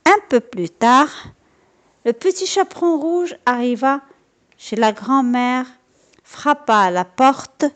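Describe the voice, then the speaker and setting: A woman reading a children's story aloud in an animated, sing-song manner. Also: sits high, takes it slowly.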